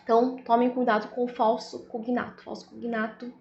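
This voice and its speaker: A woman's voice: on the high side, little pitch movement, creaky. Brazilian woman teaching in an echoey room. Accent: Brazilian Portuguese. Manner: explains slowly, often adds "né?" and "tá?". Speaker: English teacher. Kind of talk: casual video lesson. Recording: echoey room, slightly dull audio.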